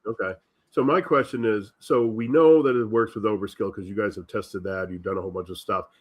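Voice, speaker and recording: A man's voice: fairly low pitch, steady tone, fairly quick. A man in a casual meeting, asking careful questions about what has been tested. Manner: questioning, cautious.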